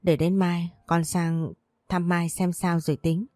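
Caring young guy in a storybook, read by a woman, low and warm, plain delivery. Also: little pitch movement, unhurried, dry recording, clean studio sound, faint music behind, natural voice. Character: young man, easygoing and caring.

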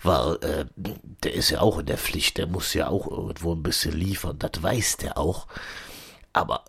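A man doing a gravelly Rhineland lab helper. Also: a bass voice, moderate pace, a bit bright, full character voice. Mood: grumbling. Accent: Rhineland German. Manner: rambling, fumbling for names, complaining. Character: gossipy grumbling male lab assistant. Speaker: podcast character. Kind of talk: comic character monologue.

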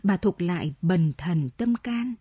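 A woman narrating a novel in slow, measured storytelling, on a dull lo-fi audiobook recording. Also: lowish voice, expressive, mellow, breathy edge, no echo. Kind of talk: scripted narration. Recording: dull lo-fi recording with faint music.

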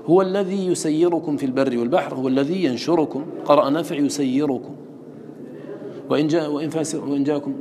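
A man's voice: fairly high pitch, a little mellow, a little hiss or hum. A man teaching a class on Quran recitation. He explains terms, quotes verses and checks understanding with questions. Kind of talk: classroom lesson.

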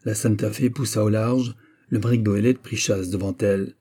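A man narrating a classic maritime story in a measured, expressive reading. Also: lowish voice. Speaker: audiobook reader. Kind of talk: literary narration.

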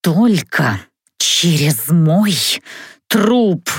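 A fiery, stern middle-aged mother who talks sharply and scolds, voiced by a woman reading an audiobook. Her pitch swings widely. The sound is dry and close. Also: very animated, extremely slow, husky, dry recording, exaggerated voice. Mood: stern, angry. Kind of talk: audiobook character voice.

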